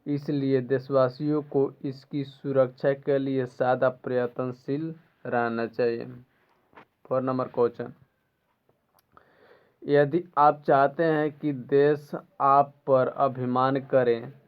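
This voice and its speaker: A man teaches a school lesson at an unhurried, deliberate pace, repeating each phrase so his students can follow. He clears his throat now and then as he talks. The sound is thin and tinny, like a phone line. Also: mid-range voice, little pitch movement. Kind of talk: explaining a school textbook lesson.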